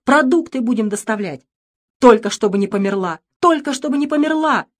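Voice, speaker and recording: A desperate peasant father begs and wails, as a woman reader puts him on. The frantic voice rides high and loud in an audiobook reading. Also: lively intonation, fairly quick. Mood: frantic pleading. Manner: frantic, wailing, pleading. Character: desperate peasant father, middle-aged man, pleading.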